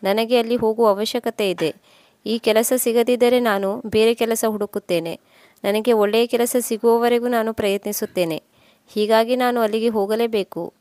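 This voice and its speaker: A woman's voice: a little high, fairly even intonation, normal speed, a little mellow, dry recording, close to an everyday voice. A woman voicing a stubborn, ambitious young man set on leaving his village, arguing insistently and impatiently.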